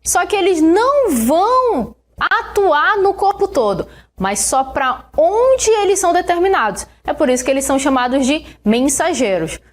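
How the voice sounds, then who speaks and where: A woman's voice: very high voice, big pitch swings. A woman teacher with a Brazilian Portuguese accent giving a recorded science lesson, explaining step by step and often checking in with her students. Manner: explains slowly, checks in with "né?" and "tá bom?".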